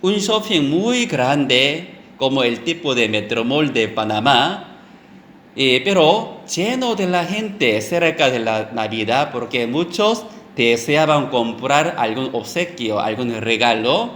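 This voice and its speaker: A man preaching a sermon and telling a story, halting often with fillers and restarted phrases. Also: medium pitch, expressive, a bit bright. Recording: echoey room with faint background noise.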